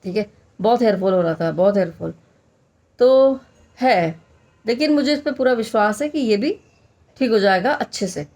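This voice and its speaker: A woman in her thirties, a homemaker and vlogger from Rajasthan's Hadoti region, chats casually in her daily vlog, repeating phrases for emphasis. She speaks Hindi with a mild Hadoti tone in a mid-range, slightly mellow voice with lively intonation, normal speed and long pauses.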